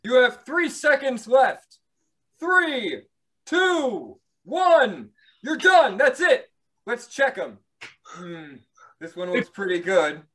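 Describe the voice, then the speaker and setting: A man's voice: very high voice, big pitch swings, slow, sharp tone, exaggerated voice. A man playing a showy fight announcer. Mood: judging. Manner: announcing, then casual instructions. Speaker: improv performer. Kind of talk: improv comedy scene.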